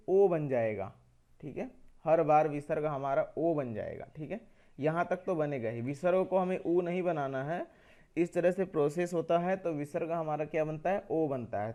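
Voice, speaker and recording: A man's voice: fairly high pitch, dark tone. A man teaching a grammar lesson, explaining step by step, asking questions and answering them himself, and repeating key points.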